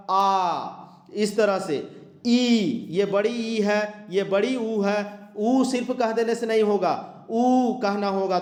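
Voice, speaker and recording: A man teaching an exam-prep grammar lesson in a fairly high voice. He explains step by step, repeating key terms and stretching out example sounds. The room gives his voice a noticeable echo. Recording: echoey room.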